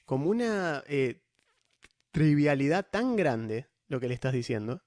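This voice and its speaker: A young man with a Rioplatense Spanish accent, casually explaining tabletop lore as a podcast host, animated, with frequent restarts. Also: fairly high pitch, unhurried, no echo. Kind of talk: casual chat.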